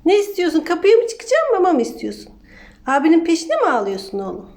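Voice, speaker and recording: A woman's voice: very high-pitched, huge pitch swings, quick pace, a little mellow. A woman at home talking to her cat in coaxing baby talk, cooing and sing-song.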